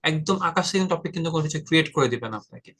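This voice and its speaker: Informal man tutoring, slightly high voice. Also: very fast, a bit bright. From Bangladesh. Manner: direct and informal, addresses viewer as brother. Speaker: IELTS tutor. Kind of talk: casual explanatory lesson.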